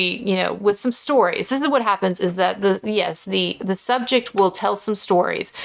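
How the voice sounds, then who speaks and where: Woman with gravelly vocal fry. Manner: speaks in a lowered pitch. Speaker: host. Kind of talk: casual opinionated commentary.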